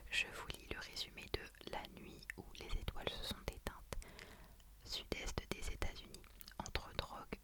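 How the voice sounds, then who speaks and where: A woman doing ASMR in a soft, breathy library whisper, talking about books and reading out blurbs. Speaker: ASMR creator.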